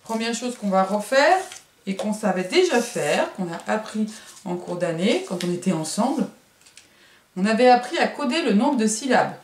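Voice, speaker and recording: A woman's voice: mid-range voice, very animated, normal speed, slight background noise. A woman kindergarten teacher giving a remote phonics lesson to young children, sounding words out syllable by syllable and encouraging them. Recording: roomy echo.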